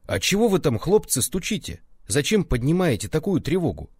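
A man voicing a hard-of-hearing old village constable, hoarse and gruff, shouting his words. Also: mid-range voice, sing-song, moderate pace, dry recording, studio quality.

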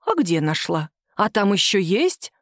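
Женщина озвучивает спокойного капитана полиции средних лет, который говорит медленно, осторожно и уговаривающе. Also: female voice, mid-range voice, very animated, a bit bright, dry recording, studio quality. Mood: вкрадчиво. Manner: slow, careful, coaxing. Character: calm middle-aged male police captain.

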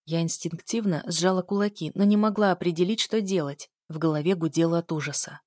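Woman narrating a story, kinda low voice, dry close sound. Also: fairly quick, darkish tone, dry recording. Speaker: audiobook narrator. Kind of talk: first-person scripted narration.

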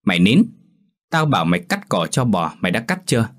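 A man's voice: on the low side, sing-song, quick pace, fairly bright tone. A man voicing a stern old village mother who scolds sharply.

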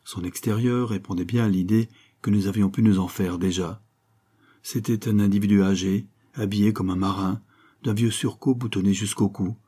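Brief: male audiobook narrator, mellow and husky, measured reading. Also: lowish voice, fairly even intonation. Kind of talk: scripted first-person narration.

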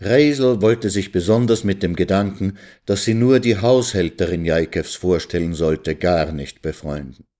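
Male radio reader, measured story narration, lowish voice. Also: warm tone. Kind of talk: reading literary fiction aloud.

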